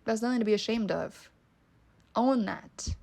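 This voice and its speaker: Valley Girl woman with heavy vocal fry. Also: on the high side, measured pace, a little mellow. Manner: casual, emphatic, swears freely, many "like" fillers. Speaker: podcast host. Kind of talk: solo podcast monologue.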